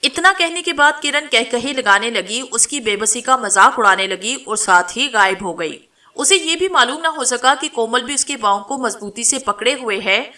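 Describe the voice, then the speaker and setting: Bright-voiced woman narrating a horror story. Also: on the high side, recorded from a distance.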